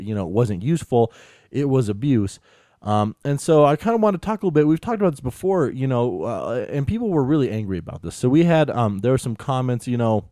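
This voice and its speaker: An American man with a relaxed, mellow voice co-hosts a casual tech podcast. He talks in an earnest, rambling way, dotted with "you know". The sound is dry, with no room around the voice. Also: medium pitch, no echo. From United States. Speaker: podcast co-host.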